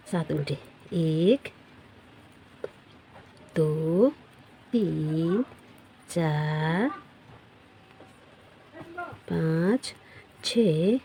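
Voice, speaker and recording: A woman's voice: low voice, vocal fry, dark tone, a little hiss or hum. A woman teaching a knitting pattern step by step, counting stitches aloud and repeating herself as she shows each row. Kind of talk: step-by-step craft tutorial.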